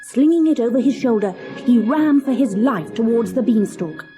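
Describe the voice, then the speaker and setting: A woman narrating a children's fairy tale from a storybook cassette in a measured, expressive reading. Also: on the high side, over music.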